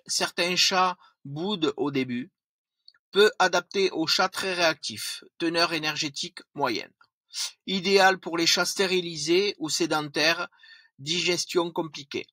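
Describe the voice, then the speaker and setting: Male vlogger, unhurried, dry close mic, corrects his own slips often. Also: a little high, sharp tone, dry recording. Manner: reads a list of points with slips and self-corrections. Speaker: product reviewer. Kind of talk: product review vlog.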